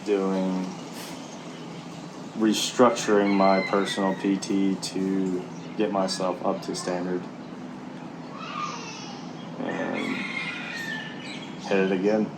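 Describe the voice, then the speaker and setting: A man talking candidly and haltingly in a casual, reflective vlog while out walking. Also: low voice, expressive, creaky, background noise. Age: middle-aged. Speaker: vlogger, military serviceman and former Marine. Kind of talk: casual walk-and-talk vlog.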